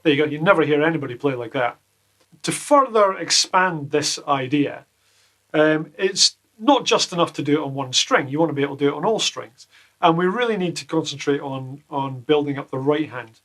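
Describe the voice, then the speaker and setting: A man teaching guitar exercises in a casual lesson from a small home studio, full of deadpan jokes between the explanations. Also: fairly high pitch, brisk. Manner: jokey, deadpan asides. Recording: loud guitar playing behind the voice.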